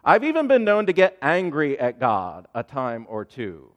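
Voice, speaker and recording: A man's voice: a little high, huge pitch swings, moderate pace. A man preaching a sermon as pastor, telling a story earnestly with rising and falling emphasis. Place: church sanctuary. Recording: long hall reverb.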